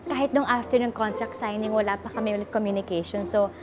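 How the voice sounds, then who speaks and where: A young woman from the Philippines with a Filipino accent, chatting excitedly and giggling on her vlog, switching between Tagalog and English. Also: mid-range voice, quick pace, over music. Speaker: vlogger. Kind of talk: casual vlog chat.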